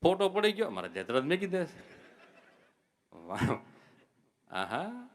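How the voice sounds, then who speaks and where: A man's voice: fairly high pitch, wildly swooping pitch, slow. Man, humorous folk storyteller, addresses devotees. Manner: folksy joke-telling, addresses listeners as devotees. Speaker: comic speaker at a religious gathering.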